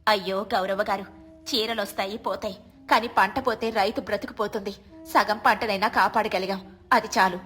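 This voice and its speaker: A woman voicing a sensible, generous village farmer's wife who talks gently and persuasively. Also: medium pitch, steady tone, normal speed, lightly acted. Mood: gentle.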